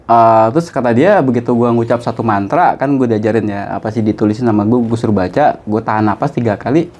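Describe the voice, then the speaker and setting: A man, a guest telling a story in casual chat; he is animated and often laughs. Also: fast talker. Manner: animated, jumps high in pitch for quoted voices, laughs often.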